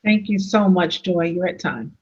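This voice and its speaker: A woman's voice: fairly low pitch, normal speed, slightly rough. A woman moderating a public council meeting, calling on speakers and reading questions in a polite, formal way. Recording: dull lo-fi remote audio.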